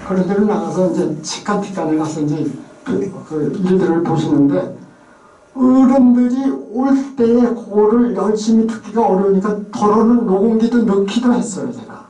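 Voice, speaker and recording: A man's voice: high voice, animated, moderate pace, dark tone. A man giving an informal, chatty lecture who often imitates regional pronunciations. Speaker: lecturer on place names. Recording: echoey room, mic far away.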